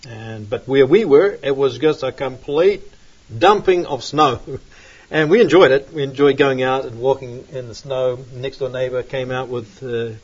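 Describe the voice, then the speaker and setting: New pastor guy chatting slow and rambly, husky voice, kinda dull lo-fi sound. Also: medium pitch. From New Zealand. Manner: rambling, hesitant, many fillers. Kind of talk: relaxed sermon chat and prayer. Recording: dull lo-fi recording.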